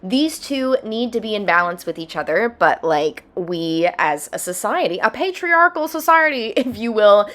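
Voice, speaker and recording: A woman's voice: mid-range voice, very animated, normal speed, few pauses, fairly bright tone. A young adult woman hosting a solo podcast, talking in a chatty, playful way with lots of fillers. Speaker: podcast host.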